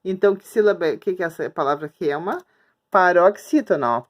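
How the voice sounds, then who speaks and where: A woman teacher records a lesson for young children at her screen, talking while she writes things up. She is patient and repeats herself a lot, drawing words out slowly syllable by syllable. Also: fairly low pitch, darkish tone. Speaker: schoolteacher. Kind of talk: remote grammar lesson for children. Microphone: recording at a screen, writing on the board while talking.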